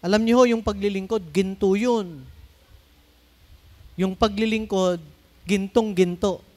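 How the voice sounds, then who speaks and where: Filipino pastor guy, fairly high voice, chatty sermon w english bits, keeps asking the church amen. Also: steady tone, a little slow, darkish tone. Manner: conversational preaching mixing in English, asks the congregation for responses.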